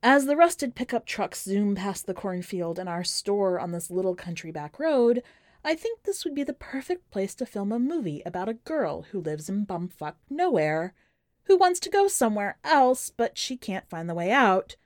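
Reading a first-person short story on the podcast she hosts, a woman speaks in a wry, conversational, emphatic way. Her mid-range voice is very animated and moves at a moderate pace, captured in clean studio sound without any room sound.

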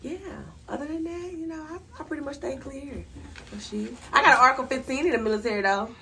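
A woman's voice: sits high, quick pace, heavy background noise. A young woman on a podcast telling stories in a casual, profane way, often laughing. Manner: laughing, profane, animated storytelling. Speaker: podcast co-host. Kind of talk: casual storytelling chat.

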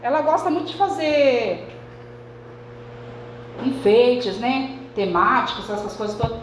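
Lady pastor preaching, high voice, chatty with the congregation, echoey church, faint background hum. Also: measured pace. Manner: conversational preaching, addressing the congregation often. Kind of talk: sermon. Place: church hall.

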